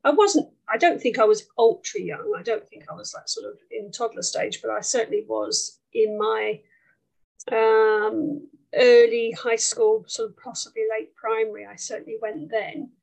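A woman's voice: fairly high pitch, moderate pace, vocal fry, a little mellow, poor audio. A woman with an Essex accent from England, chatting about her life as an interview guest. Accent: Essex English. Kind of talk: conversational life story.

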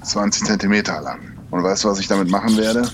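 Ein Mann spielt einen brutalen Polizeikommissar, der nüchtern und sachlich spricht und dabei kalt droht. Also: male voice, lowish voice, quick pace, background noise, natural voice. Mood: menacing. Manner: plain, matter-of-fact, coldly threatening. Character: brutal, rule-breaking male police detective.

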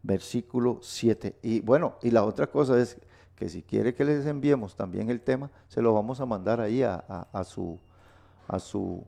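Male radio Bible teacher, mellow gravelly tone, emphatic and repetitive. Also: mid-range voice, normal speed. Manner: emphatic, repeats words for stress. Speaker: radio program host. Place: radio studio.

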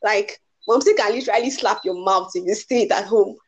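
A young woman with a Nigerian accent, a designer chatting as a guest, playful and quick to laugh. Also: mid-range voice. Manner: playful, laughs easily, dry humor. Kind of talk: casual chat.

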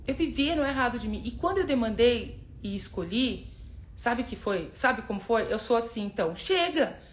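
A woman's voice: on the high side, lively intonation, moderate pace. A woman hosting a casual motivational live stream, talking straight to her viewers, emphatic and repeating words for force. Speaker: live-stream host, personal development facilitator.

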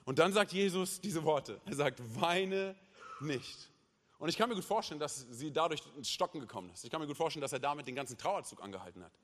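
A male pastor preaching at a church service in an impassioned way, swinging between loud and hushed and tagging his sentences with "hey" and "oder?". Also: a little high, animated, rapid-fire, hardly any pauses. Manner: peppers speech with "hey" and "oder?" tags. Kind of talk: sermon. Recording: long reverb of a large hall.

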